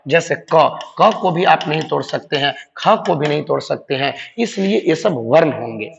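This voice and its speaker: A man's voice: fairly high pitch, animated, normal speed, creaky, slight background noise. A man teaching a grammar lesson to students, repeating key points and often calling them children. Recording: roomy long-reverb room, dull lo-fi sound.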